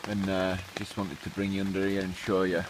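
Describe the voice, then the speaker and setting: Deep-voiced man vlogging outdoors in rain. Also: monotone, brisk. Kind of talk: casual chat to camera. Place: outdoors in wet woodland. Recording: rain pattering, clear background noise.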